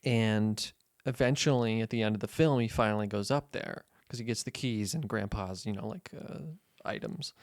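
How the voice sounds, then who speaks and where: A man's voice: lowish voice, moderate pace, hardly any pauses, no echo, studio quality. A man co-hosting a casual film podcast, talking in an easygoing, agreeable way and laughing often. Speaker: podcast co-host.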